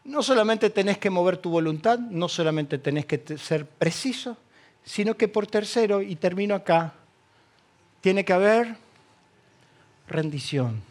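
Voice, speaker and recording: A man with an Argentine accent preaching a sermon as pastor, swinging between loud passion and hushed quiet. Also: high voice, animated, unhurried. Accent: Argentine Spanish.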